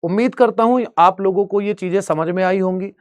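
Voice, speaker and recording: Man, Bihari accent, high-pitched, exam-prep teacher, step-by-step explaining. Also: fairly quick, smooth. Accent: Bihari Hindi. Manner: explains step by step, asks students rhetorical questions. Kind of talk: exam-prep grammar lesson.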